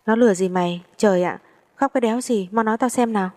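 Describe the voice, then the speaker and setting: A woman's voice: mid-range voice, fast talker, a little mellow, voice pushed up, close to an everyday voice. A woman voicing a blunt, impatient, foul-mouthed young woman who scolds her friend like an older sister in a story reading. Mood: scolding.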